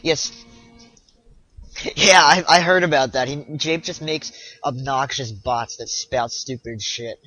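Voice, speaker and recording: Young male streamer, bright voice, stop-start casual chat, muffled lo-fi stream audio. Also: mid-range voice, fairly even intonation, no room sound, soft background music. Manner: chatty, halting, frequent restarts and repeats. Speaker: speedrunner streaming live.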